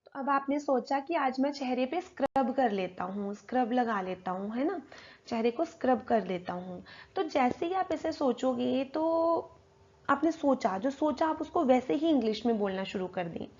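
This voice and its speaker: A woman's voice: high-pitched, expressive, normal speed, a little mellow. A woman teaching spoken English, explaining in Hindi and drilling pronunciation word by word. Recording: dull lo-fi recording.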